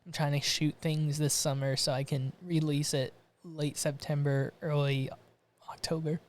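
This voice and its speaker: On the high side and flat in delivery, this Romanian podcast host talks at a moderate pace from his garage studio. His casual chatter rambles, with frequent restarts and plenty of laughter.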